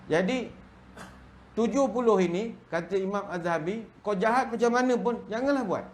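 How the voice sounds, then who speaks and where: A middle-aged Malaysian man with a Malaysian Malay accent, giving a humorous religious lecture in a jokey, animated storytelling way. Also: a little high, a little hiss or hum. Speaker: religious teacher.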